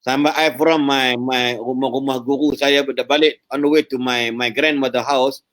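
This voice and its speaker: A man giving a lively religious talk over a live call, joking in English and chanting recitations. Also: medium pitch, moderate pace. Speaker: preacher.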